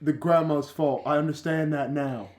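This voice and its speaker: A man's voice: on the high side, steady tone, moderate pace, darkish tone. A man debating casually, contradicting firmly and repeating himself for emphasis.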